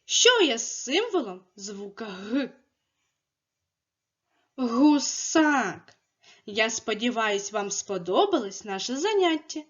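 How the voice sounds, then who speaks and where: Slow, lively woman teaching children. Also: a little high. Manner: slow, clearly enunciated, coaxing. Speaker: preschool speech teacher. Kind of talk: children's speech lesson. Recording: dull lo-fi recording.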